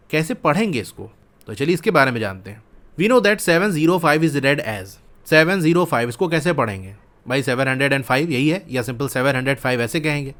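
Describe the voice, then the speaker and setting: A man's voice: fairly high pitch, fairly bright tone. A man teaching a school maths lesson, explaining step by step and asking questions he then answers himself.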